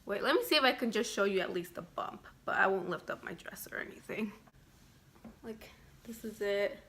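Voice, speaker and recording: A woman's voice: mid-range voice, moderate pace, fairly bright tone, a little hiss or hum. A woman giving a casual vlog update, rambling and filling her talk with "like" constantly. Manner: rambling, fills speech with "like". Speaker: vlogger.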